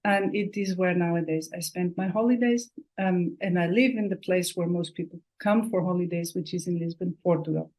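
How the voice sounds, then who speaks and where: A woman from Austria giving a prepared online talk as a researcher, speaking thoughtfully and often pausing on fillers and restarts. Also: fairly low pitch, darkish tone, rough recording.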